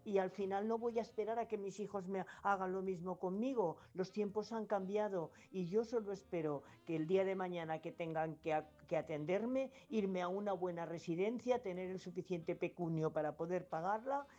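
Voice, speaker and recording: Calling in to a radio program, a fifties-aged grandmother from La Mancha, Spain, earnestly presses her advice, hesitating a lot and saying things more than once. She speaks in a mellow mid-range voice at an ordinary pace with few pauses; the line is dull and lo-fi, with faint music.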